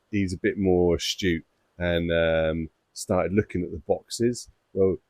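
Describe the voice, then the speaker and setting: Low-voiced man telling a story. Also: darkish tone, no echo. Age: adult father of two boys. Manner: chatty, self-mocking, laughs as he tells it. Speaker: koi-keeping vlogger. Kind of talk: casual storytelling to camera.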